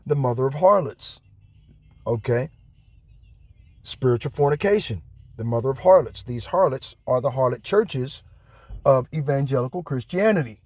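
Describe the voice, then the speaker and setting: A man's voice: mid-range voice, lively intonation, moderate pace, long pauses, a little mellow, dry recording. Dry-sounding man preaching from home. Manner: preachy, rambling, profane asides. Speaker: self-styled preacher. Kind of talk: home video Bible teaching.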